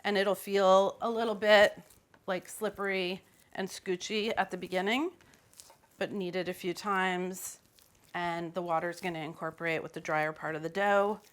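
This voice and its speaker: A woman with a lowish, steady voice speaking at normal speed hosts a casual cooking demonstration in her home kitchen. She is chatty and playful, with loose, offhand phrasing.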